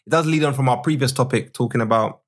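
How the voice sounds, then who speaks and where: A man's voice: mid-range voice, fast. A man with a London roadman accent and street slang, hosting a casual podcast chat. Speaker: podcast host.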